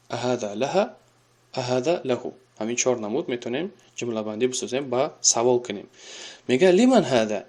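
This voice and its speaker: A man teaching a recorded Arabic grammar lesson. He reads example sentences slowly and then explains them at length, with fillers. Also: mid-range voice, a little mellow. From Tajikistan.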